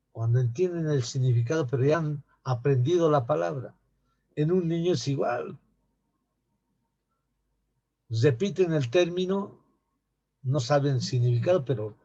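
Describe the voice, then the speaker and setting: A man's voice: mid-range voice, dark tone, slightly rough. A man giving an anatomy lecture to students, often asking rhetorical questions and calling them "young people.". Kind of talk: classroom lecture. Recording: dull lo-fi classroom recording.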